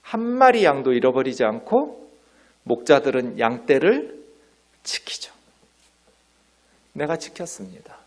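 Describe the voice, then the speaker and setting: A middle-aged male pastor preaching a sermon in a church, lively, sometimes dropping to soft near-whispers. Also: medium pitch, moderate pace. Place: church sanctuary.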